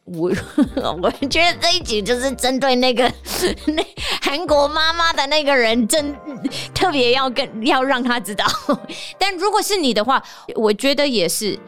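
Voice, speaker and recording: Animated woman with a lively pitch. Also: moderate pace, soft background music. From United States. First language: English. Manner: animated storytelling, laughs often. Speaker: podcast host; teacher and performer. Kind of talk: casual podcast monologue.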